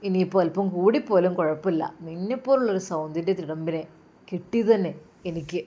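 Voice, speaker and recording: A woman's voice: lowish voice, a little fast, dark tone, pitched below the performer's own voice, close to an everyday voice. A woman voicing a drunken, lecherous male boss who leers and coaxes with slurred speech. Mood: leering. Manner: slurred, leering, coaxing.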